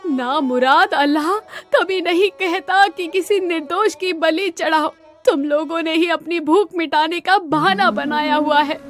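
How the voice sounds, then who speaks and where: A woman's voice: extremely high pitch, measured pace, hardly any pauses. A woman voicing a stubborn, loving old grandmother, scolding and grieving in a cartoon story. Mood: weeping. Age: over 60.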